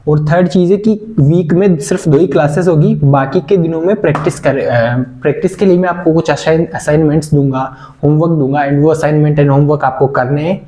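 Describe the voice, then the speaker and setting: A young man teaches a casual online communication skills class in an echoey room. His voice is on the high side and dark in tone, moving at normal speed with hardly any pauses. He's chatty, earnest and pleading, mixing English words into his Hindi.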